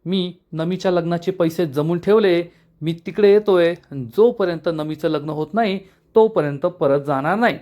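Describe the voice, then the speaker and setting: An angry middle-aged husband yells at his wife over the phone, his voice climbing high and loud. A man reads him out in a soap-recap storytelling voice, fast and urgent. He scolds without pause. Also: natural voice. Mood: furious.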